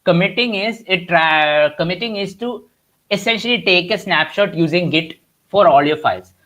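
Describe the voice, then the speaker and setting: A man's voice: high-pitched, moderate pace, sharp tone. A young man with an Indian accent teaching a live online workshop, explaining with many fillers and restarts over a computer mic. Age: young adult. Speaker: workshop instructor. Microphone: computer mic on a video call.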